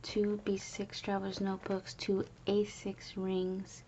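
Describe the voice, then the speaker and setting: A woman chatting in a soft whisper at home early in the morning, showing her handmade planners. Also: medium pitch, monotone, unhurried, lo-fi sound, slight background noise.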